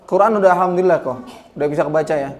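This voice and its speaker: A man hosting the interview, agreeable and quick to chime in with pious exclamations. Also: a little high, darkish tone, slight background noise. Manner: agreeable, reacts with religious exclamations. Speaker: interviewer, host. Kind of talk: casual interview.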